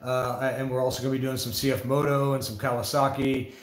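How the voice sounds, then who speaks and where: A man's voice: mid-range voice, fairly even intonation, fast, reverberant, poor audio. A man with a northeast Ohio accent hosting a casual livestream, joking around and reading viewer comments aloud in a folksy way. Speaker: livestream host.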